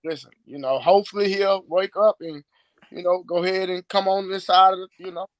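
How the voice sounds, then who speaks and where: A strength and conditioning coach in his late thirties boasts emphatically as a guest on a live stream over video call, repeating words for effect. His voice is high-pitched and fairly quick, with fairly even intonation, on a dry recording.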